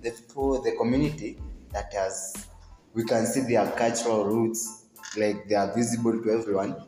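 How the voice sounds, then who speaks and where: A man with a Kenyan accent talks casually in a group discussion, in a fairly low voice. He restarts and repeats his words as he goes. The sound is that of a reverberant hall, with faint music behind him. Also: steady tone, moderate pace, dark tone. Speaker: podcast co-host. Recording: echoey hall, distant mic, faint music.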